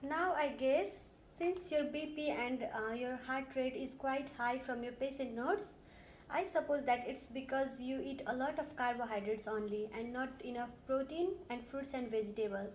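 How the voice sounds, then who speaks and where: Woman, nurse, high voice, methodical, echoey room. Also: moderate pace, a little hiss or hum. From Nepal. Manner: polite, methodical questioning. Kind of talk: scripted health assessment role-play. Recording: roomy echo.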